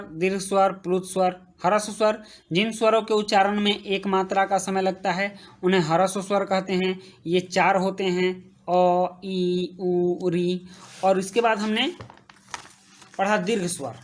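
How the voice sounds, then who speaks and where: A woman teaching a grammar lesson, slowly repeating each term as she writes and checking in with her students. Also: medium pitch, steady tone. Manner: slow, repeats terms while writing, checks in with "ठीक".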